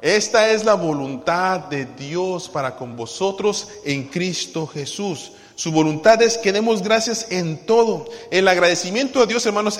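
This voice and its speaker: A man's voice: high-pitched, in a large hall. A man preaching a sermon to a congregation, asking them questions and now and then singing lines of a hymn. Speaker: pastor.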